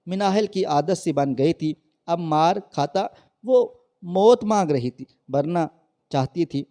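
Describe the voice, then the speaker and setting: A man's voice: fairly high pitch, warm tone. A man narrating a sad moral story with emotive, mournful delivery.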